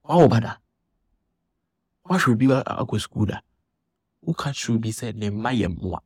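A man talks in a casual, indignant monologue, his voice slightly husky and his delivery animated. He restarts his sentences often as he works through his point. The recording is dry and close, with no room sound. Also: mid-range voice, normal speed, dry recording. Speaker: church member commenting on a dispute.

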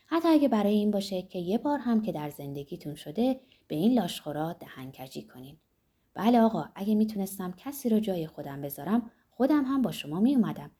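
A self-satisfied male pharmacist who loves to argue and gossip, voiced by a woman narrator. The voice is husky and mellow, with lively swings in pitch. He talks as if he has already won every debate, in a storybook reading. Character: boastful talkative middle-aged male pharmacist. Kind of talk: audiobook character reading.

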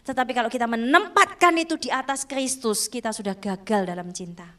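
A woman preaching a sermon, telling a moving testimony and calling out to her listeners, shifting from loud emphatic lines to soft hushed ones. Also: a little high, brisk. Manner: emotional storytelling, repeatedly addressing listeners as "saudaraku".

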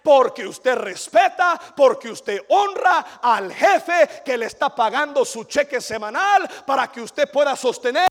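High-voiced pastor preaching with church reverb. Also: male voice, lively intonation, a little slow, few pauses. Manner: swings between shouted peaks and hushed low passages. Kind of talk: sermon.

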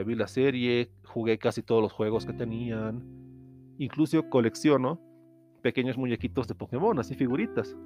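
A man from Latin America hosting an educational show, lecturing in a steady explanatory tone with occasional restarts. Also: mid-range voice. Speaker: host.

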